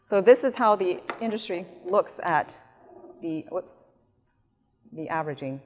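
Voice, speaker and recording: A woman giving an animated slide presentation, acting out quotes as she explains. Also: fairly low pitch, unhurried. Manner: animated, acts out quotes in other voices. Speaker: speaker. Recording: echoey hall.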